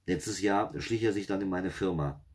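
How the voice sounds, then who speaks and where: A man reading a story, voicing a nervous mother in an anxious, hushed manner. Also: low-pitched, normal speed, close to an everyday voice.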